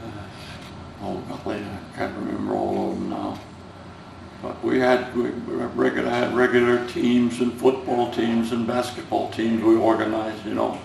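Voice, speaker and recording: An older American man whose first language is Finnish reminisces in an oral history interview with a Finnish-American accent. His voice is lowish and creaky at a measured pace, with frequent fillers and restarts, captured in a roomy, distant, noisy home recording.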